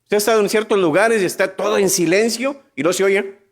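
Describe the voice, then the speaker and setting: A man preaching a sermon, his voice pitched high for a man. He keeps asking the congregation questions. Now and then he slips into short acted lines of biblical dialogue. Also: brisk.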